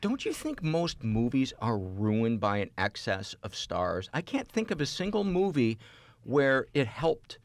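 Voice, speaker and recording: Man, podcast guest, deadpan jokes, very expressive pitch. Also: a little slow, dry recording. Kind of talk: casual comedic chat.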